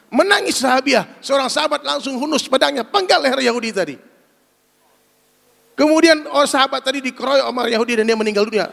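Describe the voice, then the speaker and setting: A man preaching a sermon to a gathering, emphatic and animated, often addressing his listeners directly as he drives his points home. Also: very high voice, vocal fry. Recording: long hall reverb.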